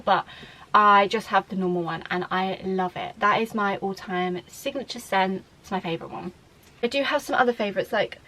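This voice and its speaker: A woman's voice: medium pitch, a bit bright, low-quality recording. A young woman chatting at home in a rambling, bubbly Q&A vlog, laughing often and a little out of breath. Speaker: vlogger. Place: at home, indoors.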